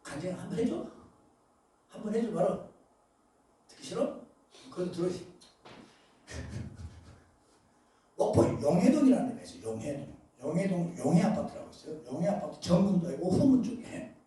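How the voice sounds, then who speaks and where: A male pastor preaching a sermon, emphatic, with loud bursts and asides, often questioning his congregation. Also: high voice, big pitch swings, moderate pace, pauses often. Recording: very echoey hall, voice far from mic.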